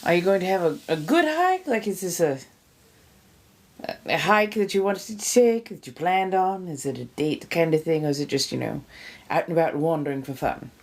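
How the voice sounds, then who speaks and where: On her casual livestream, this woman chats between bites and sips, showering viewers with over-the-top terms of endearment. Her voice sits fairly low, a bit mellow, at a moderate pace.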